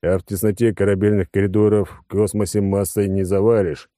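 A man's voice: on the low side, level tone, fairly quick, warm tone, no room sound, lightly acted. A man doing a dry, sensible clown comrade. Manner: dry, level, matter-of-fact.

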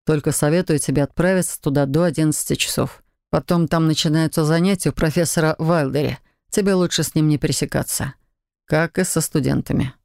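A woman voicing a calm young husband in an audiobook, speaking with a mildly wry, gently teasing manner. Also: sits low, a little fast, creaky, dry recording, clean studio sound. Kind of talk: audiobook character voice.

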